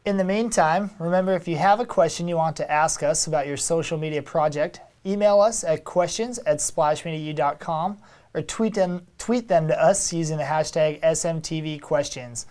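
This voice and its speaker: A woman co-hosting a live web show, speaking in a low voice for a woman. She talks in a loose, conversational way and leans on small fillers as she gives her opinions. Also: moderate pace, darkish tone. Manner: conversational, fillers like "you know" and "um". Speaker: co-host of a social media show. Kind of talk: live web broadcast, casual discussion.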